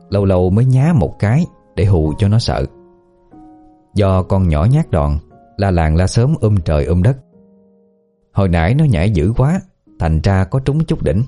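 A man narrating a ghost story in a steady, lively storytelling manner. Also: low-pitched. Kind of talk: scripted audio-story narration.

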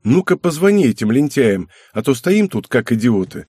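A man's voice: mid-range voice, big pitch swings, normal speed, dark tone, breathy edge, dry recording, clean studio sound. Man putting on a snappy grumbling wife. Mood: irritable. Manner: snappy, irritable. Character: grumbling tired aristocratic wife, mother.

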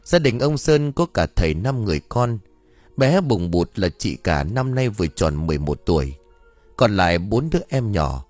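A man narrating an audio story in an expressive storytelling manner. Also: fairly low pitch, moderate pace, no room sound. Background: faint background music.

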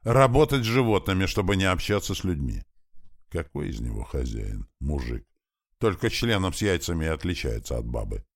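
A man narrates a first-person audiobook in an extremely deep, low voice. His intonation rises and falls a lot. He keeps the delivery dry and sardonic. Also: big pitch swings, a little fast.

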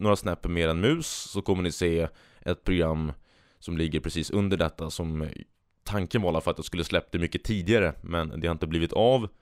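A podcast host with a low-pitched, clean voice records a solo show in studio quality with no room sound. He chats casually and reads out jokes, rambling and amused with himself.

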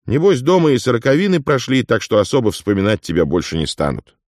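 A man reading an audiobook and voicing a boisterous, talkative older male companion who lectures in a lively raised voice. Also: mid-range voice, fast, no echo, studio quality, pitched above the performer's own voice, close to an everyday voice. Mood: lecturing. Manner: loud, lively, mentoring.

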